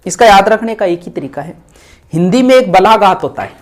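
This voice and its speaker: A man's voice: sits high, lively intonation, brisk, soft background music. A male teacher, giving an exam-prep lecture, stressing key words and offering memory tricks.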